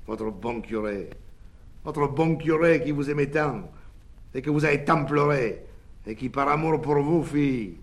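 A man's voice: medium pitch, unhurried, lightly acted. A man voicing a jovial, theatrical village doctor who banters with townsfolk.

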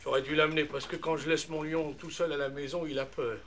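High-voiced man telling a deadpan comic tale. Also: fast. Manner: deadpan storytelling. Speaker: comedian. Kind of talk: absurdist comic monologue. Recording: noisy recording.

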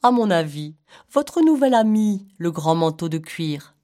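A woman's voice: on the low side, sing-song, measured pace, dark tone. A woman voicing a pompous rock python who speaks in long, formal, flowery sentences. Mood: grandiloquent. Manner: long-winded, formal and grandiloquent.

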